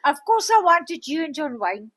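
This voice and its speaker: A woman's voice: high-pitched, sing-song, moderate pace, a bit bright. A woman in her fifties from Switzerland, a guest mother giving short, terse answers in a casual chat. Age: 50s.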